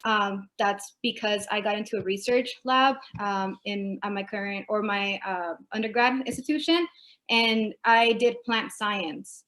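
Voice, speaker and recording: Woman speaking in a flat, even tone. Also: mid-range voice, measured pace. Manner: conversational, many fillers. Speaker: panelist, first-generation student. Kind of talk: answering a panel question. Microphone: video call.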